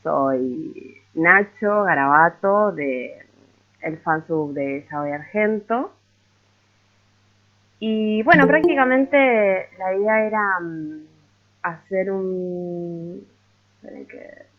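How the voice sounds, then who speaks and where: A man's voice: high-pitched, lively intonation, very slow, long pauses. A man teaching an online grammar workshop, explaining step by step with frequent hesitant filler sounds. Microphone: video call. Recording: tinny phone-like video call audio.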